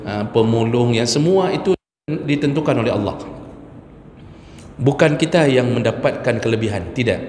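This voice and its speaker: A man's voice: medium pitch, a little mellow, slight background noise. A male preacher giving a chatty, joking sermon lecture, talking straight to his listeners in a mosque. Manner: jokey, chatty, addresses listeners directly. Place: mosque hall. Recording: echoey mosque hall, faint ambience.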